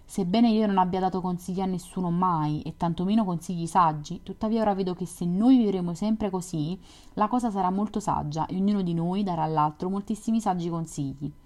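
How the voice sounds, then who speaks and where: A woman's voice: fairly low pitch, brisk, a little mellow, close to an everyday voice. A woman reading the part of a lonely, romantic young man in a read-aloud story, with a wistful, earnest delivery. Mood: eager. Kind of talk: audiobook reading.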